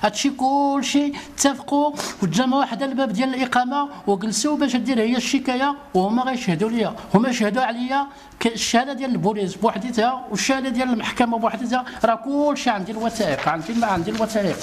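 A man's voice: very high-pitched, racing. A man with a Moroccan Arabic accent, a citizen pleading for help in a street interview and repeating his grievances insistently.

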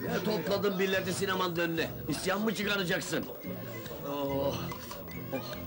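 An actor playing an indignant, stingy village cinema owner in an old comedy film. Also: male voice, high voice, a little slow, loud music behind the voice.

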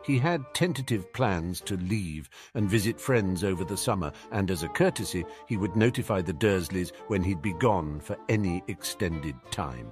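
A man narrating a fan-fiction audiobook with expressive storytelling. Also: low-pitched, normal speed, hardly any pauses, faint music behind.

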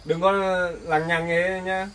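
A man's voice: a little high, flat delivery, takes it slowly, fairly bright tone, distant mic, slight background noise, low-quality recording. A man playing a stern police officer who warns a woman to behave. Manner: stern, warning. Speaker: actor in a family skit.

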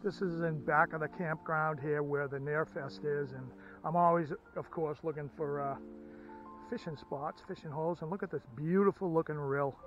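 Gushing with enthusiasm, a middle-aged man who vlogs about the outdoors and ham radio gives folksy, casual commentary on a handheld camera beside a stream and at a parked car. His voice is a little high with fairly even intonation and a moderate pace, the recording is muffled, and soft music plays in the background.

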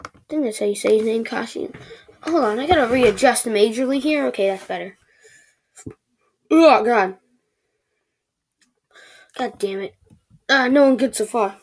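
Woman, high-pitched, excitable, chatty, stammering, casual gaming commentary. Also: measured pace, pauses often, husky. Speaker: gaming video creator.

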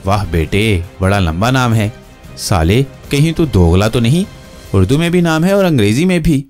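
A man voicing a gruff, bullying middle-aged jailer who sneers and threatens. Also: fairly low pitch, lively intonation, normal speed, a little mellow, soft background music, natural voice. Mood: scornful bully.

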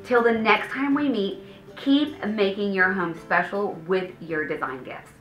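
A woman in her thirties presents home design tips straight to camera in a polished, enthusiastic way. Her voice is bright and crisp. The room rings with echo, and faint music plays underneath. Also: mid-range voice, unhurried. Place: indoor studio set with paneled wall.

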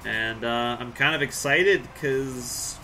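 A man's voice: mid-range voice, takes it slowly, bright, forceful tone, soft background music. Laid-back man streaming a game. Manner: laid-back, rambling, joking with chat. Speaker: farming game live streamer. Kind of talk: casual live-stream chat with viewers.

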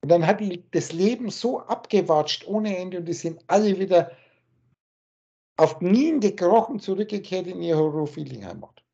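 Guy ranting spiritual lecture over a call, husky dark voice, muffled lo-fi sound. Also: high voice, animated, normal speed. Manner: forceful, preachy, crude and scolding. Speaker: spiritual teacher. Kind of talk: lecturing monologue on a video call. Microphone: video call. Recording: dull lo-fi call audio.

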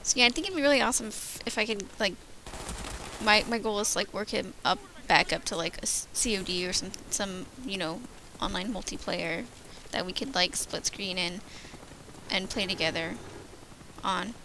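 A woman's voice: mid-range voice, moderate pace. A young woman giving casual gameplay commentary, rambling with lots of fillers and stumbling over her words, tired from lack of sleep. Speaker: gaming commentator. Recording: noisy home recording.

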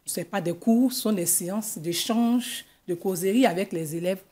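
A middle-aged woman with an Ivorian French accent, a school guidance counselor explaining things in a measured way in a TV studio interview. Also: medium pitch, dark tone, breathy edge. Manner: measured, explanatory, gestures with her hands. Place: TV news studio. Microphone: desk microphone.

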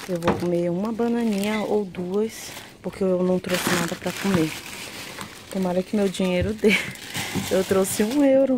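A woman chatting expressively to her viewers in a casual vlog. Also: medium pitch. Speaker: vlogger. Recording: noisy handheld recording.

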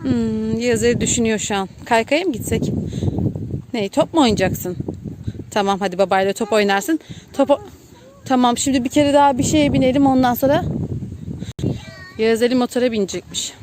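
A woman's voice: a little high, a little fast, pauses often, background noise. A Turkish-accented woman, a mother filming her small child at an outdoor playground, coaxing him along, counting and cheering in a playful way. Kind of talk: casual chat with a toddler.

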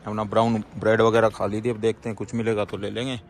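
A man's voice: lowish voice, little pitch movement, fast. A man hosting a casual travel vlog, chatting outdoors by a car at night, talking to viewers and friends as he goes. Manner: chatty, keeps addressing viewers and friends as "bhai". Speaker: travel vlogger. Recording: outdoor street noise.

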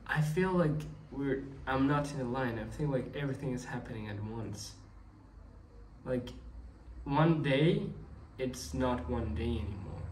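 A vlogger of about twenty, a young man, speaks a little slowly in a mid-range, slightly mellow voice, rambling casually and restarting his sentences often. The mic sits back from him, and the room is echoey with faint ambient noise.

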